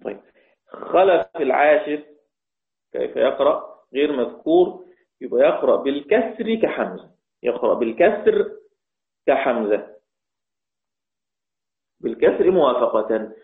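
A man with an Egyptian accent teaching the variant Quran readings, repeating each phrase and chanting the quoted verses slowly. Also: mid-range voice, animated, creaky. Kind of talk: religious lesson explaining readings. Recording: echoey, tinny phone-like sound.

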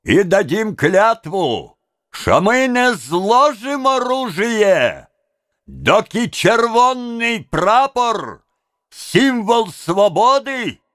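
A man voicing a fiery male street orator who declaims slowly to a crowd. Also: high-pitched, a bit bright, no room sound, clean studio sound, pitched above the performer's own voice, exaggerated voice. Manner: slow, declaiming, arms raised to the crowd.

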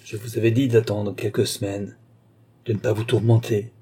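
A man's voice: on the low side, flat delivery, normal speed, dark tone, husky. A man reading a cold, greedy woman doctor. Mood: coldly wheedling. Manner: coolly condescending, calls her "ma petite". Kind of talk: audiobook character reading.

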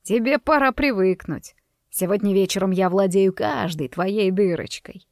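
A woman's voice: mid-range voice, moderate pace, a little mellow, no room sound, studio quality, close to an everyday voice. A woman voicing Dante, a sneering mobster groom. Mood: menacing. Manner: taunting, sinister. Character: menacing young male mobster groom, cruel and mocking.

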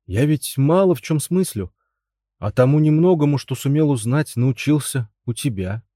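A man's voice: mid-range voice, expressive, moderate pace, warm tone, dry recording, studio quality, close to an everyday voice. A man voicing a big, gloomy male knight who speaks plainly and glumly about himself. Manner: glum, plain-spoken. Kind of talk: audiobook character voice.

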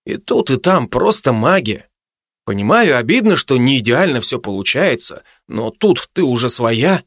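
A man playing a calm logical young wizard. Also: medium pitch, dry recording, studio quality. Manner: reasonable, measured, logical.

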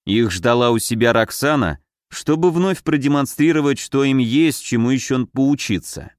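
A man narrating a fantasy audiobook in a steady, even reading voice. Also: medium pitch, moderate pace, no room sound, studio quality.

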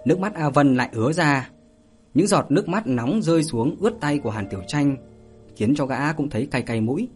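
A man reading a martial arts novel aloud as narrator, steady and unhurried, with small fillers. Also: a little high. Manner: steady storytelling with spoken fillers. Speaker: audiobook narrator. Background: faint music.

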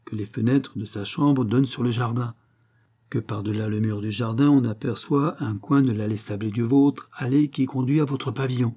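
Give me a grieving noble mother who pleads with emotion, as a man puts her on, in a husky, dark voice. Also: mid-range voice, fairly even intonation, normal speed, lightly acted. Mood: anxious telling. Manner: emotional, pleading, rising to cries.

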